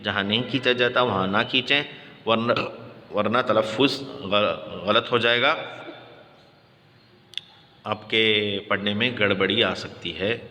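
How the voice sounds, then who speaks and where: A man leads a recitation lesson, chanting each letter and vowel sound in a drawn-out sing-song before rattling through the explanations. His voice is bright and forceful, and a long reverb trails behind it. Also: fairly low pitch, steady tone, slight background noise. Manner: spells letters and vowels in a slow sung chant, then explains quickly. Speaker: Quran recitation teacher. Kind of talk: tajweed lesson with chanted spelling drills.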